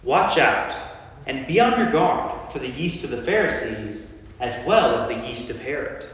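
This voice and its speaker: An amateur actor playing Jesus as an earnest, commanding teacher in a staged scripture reading in a church. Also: male voice, mid-range voice, sing-song, moderate pace, fairly bright tone. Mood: stern. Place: inside a reverberant church. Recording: echoey church hall with long reverb.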